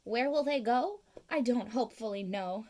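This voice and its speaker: A woman voicing a grumpy old forest creature from a storybook, croaky, scolding and pleading. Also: fairly high pitch, lively intonation, moderate pace, a little mellow, lightly acted. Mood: weary complaint. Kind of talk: storybook read-aloud.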